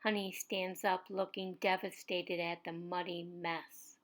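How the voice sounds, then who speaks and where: Slow, soft-spoken woman reading a story. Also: on the low side, level tone. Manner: slow, soft, sometimes whispering. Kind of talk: reading a children's story aloud.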